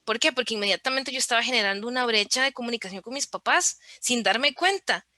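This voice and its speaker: Female podcast guest, higher pitch, bright tone, clear and teaching-minded, dry sound. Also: fast, dry recording. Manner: clear, didactic, explains with examples. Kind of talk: explanatory interview talk.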